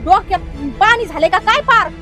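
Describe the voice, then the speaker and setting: A woman playing a sharp-tongued, bossy young daughter-in-law in a family drama. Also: extremely high pitch, brisk. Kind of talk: village family drama acting. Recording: music underneath.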